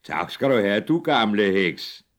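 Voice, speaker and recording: A man's voice: on the low side, very animated. A man voicing a plain, bluff soldier in a children's fairy tale reading.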